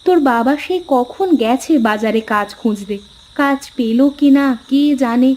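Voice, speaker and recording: A woman's voice: fairly high pitch, animated, moderate pace, a little mellow, slight background noise, natural voice. A woman voicing a caring, patient village wife and mother in a cartoon, soothing and reassuring. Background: faint music.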